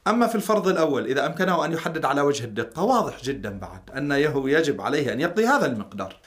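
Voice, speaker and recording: Fast-talking male cleric explaining in formal Arabic. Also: on the high side, big pitch swings, a bit bright. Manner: explanatory, repeats key points. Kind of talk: religious question-and-answer in formal Arabic.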